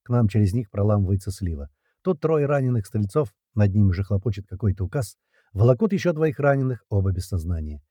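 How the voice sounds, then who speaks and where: Husky man narrating an action audiobook. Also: lowish voice, animated, a little fast, dark tone, dry recording, studio quality. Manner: tense action narration, dialogue read aloud. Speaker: audiobook reader. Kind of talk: first-person audiobook narration.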